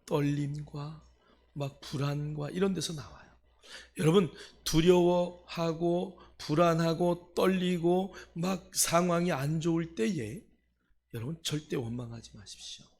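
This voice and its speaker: A man preaching a sermon as pastor, swinging from hushed asides to loud, emphatic calls. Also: fairly high pitch, fairly even intonation, measured pace, vocal fry.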